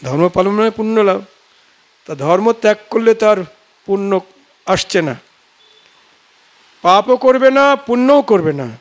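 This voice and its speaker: A man with a Bengali accent giving a devotional sermon, telling scripture stories and chanting verses in a drawn-out way. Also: high voice, animated. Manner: tells scripture stories acting out dialogue. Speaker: preacher.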